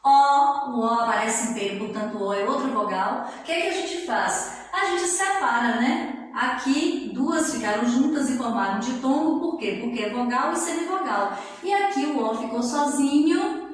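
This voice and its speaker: A woman teaching a grammar lesson, sounding out syllables slowly and often checking in with her students. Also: high-pitched, animated. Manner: slow, drawn-out syllables with frequent check-in tags. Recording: very echoey room with long reverb.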